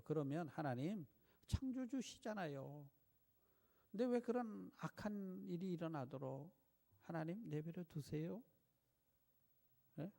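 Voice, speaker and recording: A male pastor preaching a sermon, putting rhetorical questions to the congregation in an animated way. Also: a little high, vocal fry.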